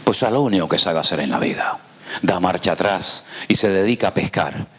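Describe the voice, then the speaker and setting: A man with a Spain Spanish accent preaches in a lowish voice. He tells the story animatedly and throws rhetorical questions at the congregation. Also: lively intonation, a little fast, a bit bright, breathy edge. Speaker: pastor. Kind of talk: sermon.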